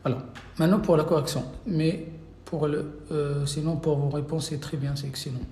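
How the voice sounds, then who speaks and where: A man's voice: fairly high pitch, steady tone, normal speed, mellow. A man teaching a live-stream lesson, patiently reading out viewer names and correcting them one by one. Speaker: Arabic teacher. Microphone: phone. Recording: echoey room, faint background noise.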